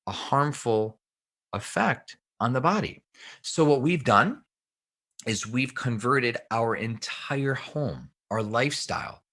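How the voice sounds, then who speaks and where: A man with a medium-pitched, slightly bright voice appears as a guest on a podcast, a health researcher and author. He explains things emphatically and keeps repeating phrases.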